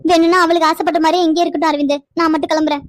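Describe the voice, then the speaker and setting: A woman's voice: very high-pitched, little pitch movement, racing. Weary, subdued cartoon mother. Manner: hesitant, quiet, subdued. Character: weary soft-spoken mother, middle-aged woman. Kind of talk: animated cartoon dialogue.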